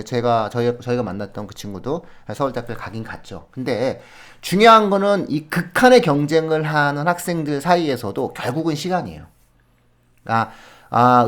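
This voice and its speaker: A man on an education podcast, telling classroom stories in an animated way and laughing often as he gives advice. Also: medium pitch. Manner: animated storytelling with frequent laughs; explains in a friendly advising way. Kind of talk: conversational podcast talk.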